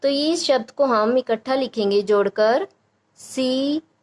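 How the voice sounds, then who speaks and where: A young woman teaching a phonics lesson, with a fairly high voice. She breaks words into syllables and draws each sound out slowly and patiently. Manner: slow, drawn-out syllable-by-syllable sounding out. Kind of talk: Hindi phonics lesson for parents.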